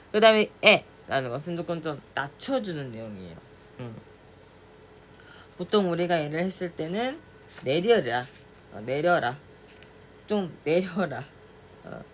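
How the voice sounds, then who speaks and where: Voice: mid-range voice, a bit bright, a little hiss or hum. A teacher giving a casual spoken pronunciation lesson, repeating vowel sounds over and over to demonstrate them and slipping between casual and polite speech. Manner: mixes casual and polite speech, asks the listener to follow along.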